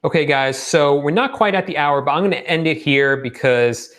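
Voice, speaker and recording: A man's voice: a little high, moderate pace, a bit bright. A young man hosting a live question-and-answer stream, reading viewer questions and answering them casually while losing his voice. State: losing his voice in a hot room. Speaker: host of live Q&A on online selling.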